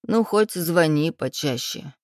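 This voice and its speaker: A woman voicing a doting elderly village grandmother who talks slowly with a lowered, sighing voice. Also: a little mellow, dry recording, studio quality. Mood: fussing.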